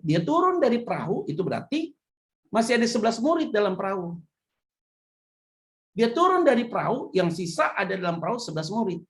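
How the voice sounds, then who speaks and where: A woman pastor, preaching a sermon that swings from hushed to loud emphasis. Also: medium pitch.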